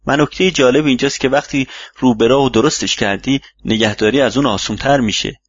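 A man voicing a wise older male mentor in an audiobook, speaking calmly and instructively like a father. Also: medium pitch, slightly rough, lightly acted. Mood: advising. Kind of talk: audiobook reading. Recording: dull lo-fi recording.

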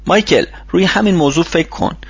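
A man reads a storybook aloud, voicing a kindly older mentor who runs a workshop and offers patient advice in an advising tone. His voice is a little high with a breathy edge, pushed up, in a lo-fi recording with no room sound.

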